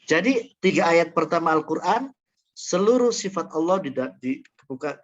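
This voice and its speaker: A man with a fairly high voice lecturing a class, working through examples and often stopping to restart his sentences. The sound is dull and lo-fi, as if from a classroom recording. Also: animated, moderate pace. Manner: explains through examples with frequent fillers and restarts. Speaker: university lecturer. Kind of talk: classroom lecture on Quran interpretation.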